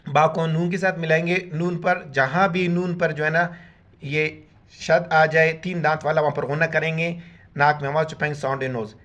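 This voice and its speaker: A man teaching Quran recitation, chanting words letter by letter in slow drawn-out syllables and explaining each rule in quick plain speech. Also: on the high side, fairly even intonation, a bit bright. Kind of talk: spelled-out recitation lesson.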